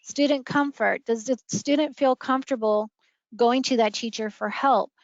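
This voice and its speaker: A woman's voice: a little high, moderate pace, dry recording. A woman training preschool teachers, explaining with friendly classroom examples. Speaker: early learning trainer. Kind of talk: online training session. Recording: dull dry lo-fi audio.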